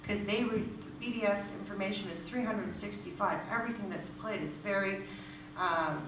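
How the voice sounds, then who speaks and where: At an informal live presentation, a woman with a medium-pitched voice speaks at normal speed while fielding audience questions. She explains things and repeats phrases for emphasis. The distant mic picks up the echoey room and clear background noise.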